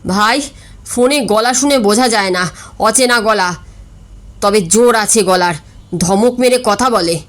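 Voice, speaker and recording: A man's voice: sits high, unhurried, pauses often, fairly bright tone, pitched below the performer's own voice. A woman doing Gorachand, a flustered, wounded bachelor. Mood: aggrieved. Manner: indignant, complaining, stammers when upset. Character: aggrieved, easily flustered middle-aged Bengali bachelor.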